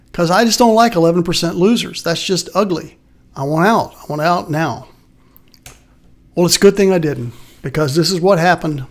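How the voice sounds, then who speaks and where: A man hosting a live webcast, talking through a portfolio review on slides, conversational with asides and rhetorical questions. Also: fairly high pitch. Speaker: host presenting a stock portfolio review.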